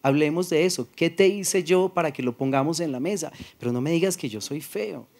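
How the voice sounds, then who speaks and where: A man with a Colombian Paisa accent preaching a sermon as pastor, soft-spoken and conversational, acting out little dialogues as he talks. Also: on the high side, brisk. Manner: soft-spoken, does not shout.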